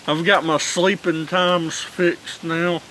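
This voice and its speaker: A young man with a fairly high, level voice speaks slowly, his tone bright and forceful, in a laid-back drawl full of cursing. He's a vlogger reviewing dip tobacco, rambling casually while filming himself on a phone propped on its kickstand on a covered outdoor porch. Heavy rain falls in the background, and the low-quality recording carries a little hiss or hum.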